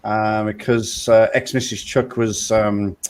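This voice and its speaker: A man's voice: lowish voice, little pitch movement, takes it slowly, a little hiss or hum. A man hosting a casual after-show chat, rambling and hesitant, with many fillers and restarts. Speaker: host.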